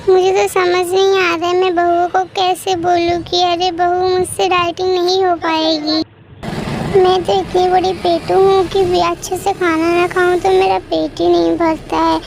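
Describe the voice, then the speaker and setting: A woman plays a greedy older mother-in-law in a cartoon who grumbles about dieting. The voice sits very high. Loud background noise hisses behind it. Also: flat delivery, unhurried, gravelly, full character voice. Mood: grumbling. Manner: grumbling, complaining.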